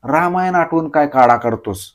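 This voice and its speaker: Man doing a loud scolding village headman. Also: fairly high pitch, animated, dull audio, lightly acted. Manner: loud rustic scolding, drawn-out rebukes. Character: shrewd elderly male village headman, scolding.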